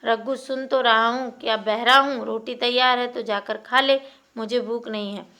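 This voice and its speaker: A woman's voice: a little high, fairly even intonation, normal speed, pushed and bright. A woman voicing a young village man who is hurt and sulky, speaking in curt, bitter replies. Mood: irritated.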